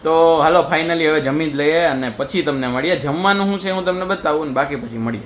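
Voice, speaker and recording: A man's voice: a little high, a little fast, slight background noise. Joking young man vlogging from home. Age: young adult. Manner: joking, teasing, chatty. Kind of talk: casual vlog chat. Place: family home indoors.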